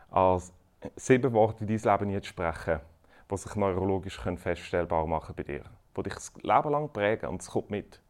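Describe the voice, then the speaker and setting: A man preaching a sermon, swinging between loud emphatic lines and quiet earnest asides. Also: fairly low pitch.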